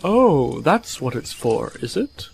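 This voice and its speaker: An actor, a woman, playing a dry, would-be wise owl messenger in a children's audio drama, deliberate and questioning. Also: a bass voice, very animated, gravelly, a little mellow, slight background noise, full character voice. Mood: dry, doubtful.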